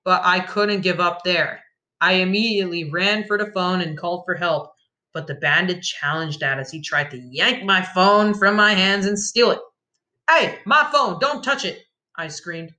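A storyteller narrating a dramatic first-person tale, emphatic and given to loud outbursts. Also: mid-range voice, normal speed. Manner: emphatic, shifts from flat telling to loud outbursts.

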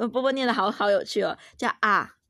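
Playful Taiwanese mom teaching French. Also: female voice, fairly high pitch, huge pitch swings, moderate pace, pushed and bright, dry recording, studio quality. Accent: Taiwanese Mandarin. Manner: patient, playful and encouraging. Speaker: mother teaching her toddler French. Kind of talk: home-recorded French lesson with a child.

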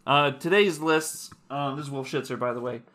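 A man's voice: medium pitch, moderate pace, a bit bright, close to an everyday voice. A man putting on a mock game-show host, hesitant and full of fillers. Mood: mock-formal. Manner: hesitant, filler-heavy, laughing at himself.

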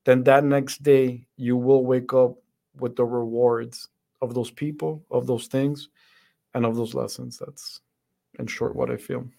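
Earnest man speaking in a flat tone. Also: medium pitch, measured pace, vocal fry. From Dominican Republic. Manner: earnest, reflective, many restarts and fillers. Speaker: podcast guest, center director. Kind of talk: interview conversation.

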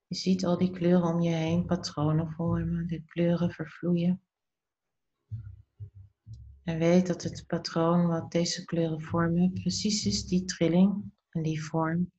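A woman guides a slow meditation at a fairly low pitch, her tone gentle and calming, never rushed. Short phrases come with pauses between them, their endings going breathy, all captured in lo-fi sound.

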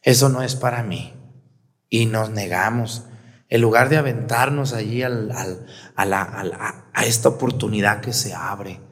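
A Mexican man preaching a sermon as a priest in a lively, animated way. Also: fairly low pitch, a little slow, big-room sound. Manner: animated, acts out complaining voices.

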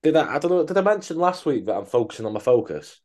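A man's voice: on the high side, sing-song, fast talker, darkish tone. A man co-hosting a podcast, chatting casually in a rambling, sweary, joking way. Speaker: podcast co-host.

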